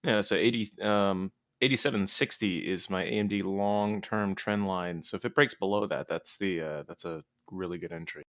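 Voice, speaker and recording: Quiet-spoken man in casual trader chat. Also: low voice, normal speed, hardly any pauses, no echo, clean studio sound. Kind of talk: casual chat on a live stream.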